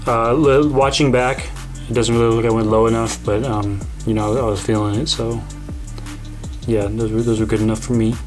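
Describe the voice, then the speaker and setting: A young man in his twenties talking casually in a home vlog voiceover with lots of fillers and a relaxed, rambling way of talking. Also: mid-range voice, moderate pace. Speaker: fitness vlogger. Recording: background music under the voice.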